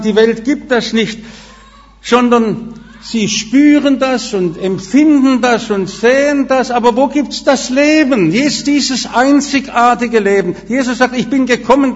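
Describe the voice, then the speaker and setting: Emphatic preacher, high voice, long hall echo. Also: male voice. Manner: emphatic, varies volume and pace widely. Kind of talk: sermon. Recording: dull reverberant hall recording.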